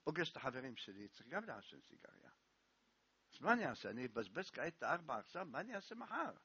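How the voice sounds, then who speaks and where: A man's voice: medium pitch, huge pitch swings, bright, forceful tone, slightly rough, pitched below the performer's own voice, full character voice. A man voicing an anxious male smoker pleading with a rabbi, in a dull, dry recording. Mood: fretful. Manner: pleading, fretful.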